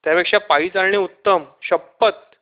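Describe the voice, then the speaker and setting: A man reading a children's story aloud in lively first-person narration. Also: high voice, moderate pace. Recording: dull lo-fi recording.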